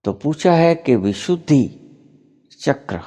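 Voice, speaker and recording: A man giving a spiritual discourse as a teacher, explaining slowly and deliberately and repeating his key points for emphasis. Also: a little high, expressive, dark tone. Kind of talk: spiritual discourse answering a question.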